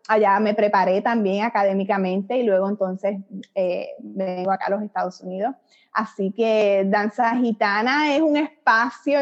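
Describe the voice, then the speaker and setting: A middle-aged Puerto Rican woman, a psychologist guest, explaining her ideas in a reflective, conversational way with little fillers. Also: medium pitch. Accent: Puerto Rican Spanish. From Puerto Rico. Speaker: guest, psychologist and dance method creator. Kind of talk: conversational interview. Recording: dull lo-fi audio.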